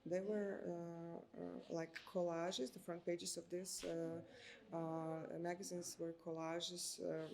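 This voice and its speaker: Her voice sits on the low side, gravelly and mellow, with a flat delivery. She is a Croatian architect in her thirties who answers interview questions with a Croatian accent, speaking slowly and hesitantly and using lots of filler sounds while searching for words.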